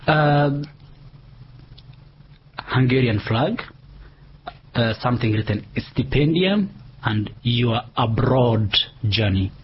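A man's voice: mid-range voice, expressive, takes it slowly, long pauses, a little hiss or hum. A young man with a Kenyan accent, a guest in an interview, telling his story hesitantly with many fillers. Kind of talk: conversational interview. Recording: dull lo-fi recording.

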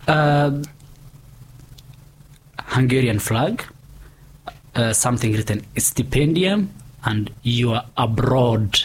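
A man, a guest in a casual interview, telling his story in an unhurried, reflective way. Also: medium pitch, slight background noise. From Kenya.

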